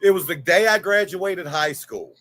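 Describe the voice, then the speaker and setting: On a livestream, a guest in his forties talks at normal speed in a high voice. Animated and candid, he spins stories in casual chat and doesn't hold back on swearing.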